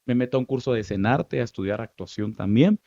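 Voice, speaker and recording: A Guatemalan man in his thirties, a stage actor, telling lively stories from his life in an interview, with a Guatemalan Spanish accent. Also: medium pitch, brisk, vocal fry, no room sound, muffled recording. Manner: animated, lively storytelling with many asides. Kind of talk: storytelling interview answers.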